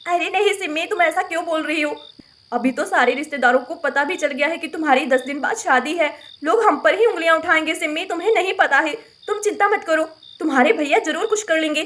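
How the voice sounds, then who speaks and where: A gentle young sister-in-law in a doll story, voiced by a woman. She speaks softly and placatingly in a very high voice. The tone is bright and clear. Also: brisk. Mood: worried. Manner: soft, pleading, placating.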